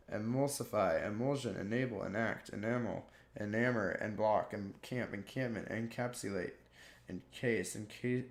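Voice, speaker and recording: A man reading dictionary entries aloud one word after another, with frequent stumbles and restarts. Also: on the low side. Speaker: video creator. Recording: echoey room.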